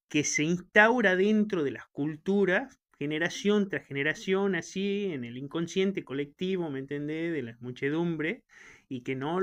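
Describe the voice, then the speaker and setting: A man's voice: high-pitched, fairly bright tone. A man with a Rioplatense Argentine accent, talking in a loose, rambling, sardonic monologue and tagging his sentences with questions to the listener. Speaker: show host.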